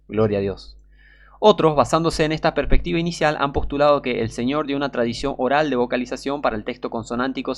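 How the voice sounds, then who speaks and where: A man with a Rioplatense Spanish accent preaching a sermon, reading passages and breaking off into scornful, emphatic warnings. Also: medium pitch.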